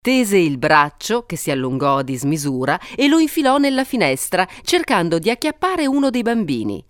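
A woman narrating a fairy tale in an expressive, dramatic way, lingering on moments of suspense. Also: on the low side, moderate pace, no echo, clean studio sound. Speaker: storyteller.

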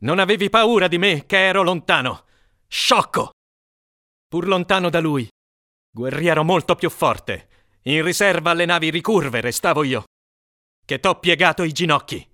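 A man voicing a wrathful Greek hero, speaking with forceful scorn in an epic reading. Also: high-pitched, normal speed. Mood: triumphant.

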